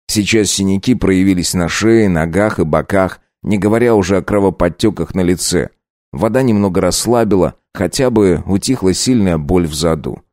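A man narrating a dark audiobook in a steady storytelling voice. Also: sits low, moderate pace, dry recording, clean studio sound.

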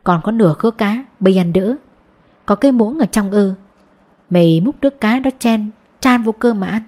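A woman reading an audiobook, voicing a gruff, blunt elderly shopkeeper woman who asks scolding questions. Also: medium pitch, normal speed, warm tone, close to an everyday voice. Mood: brusque. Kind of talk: audiobook character voice.

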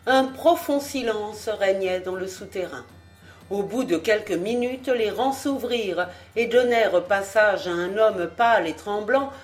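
Slow, measured woman audiobook narrator. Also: medium pitch. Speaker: audiobook reader. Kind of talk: scripted narration.

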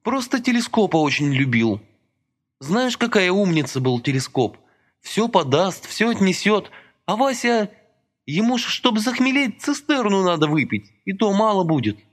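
Brief: man playing meek young woman, high, soft, pleading. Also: very animated, normal speed.

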